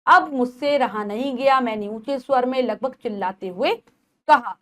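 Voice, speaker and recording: A woman's voice: a little high, normal speed. A woman teacher who reads a story aloud in short passages and then retells each part in simple words for her students. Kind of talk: explaining and reading a textbook story.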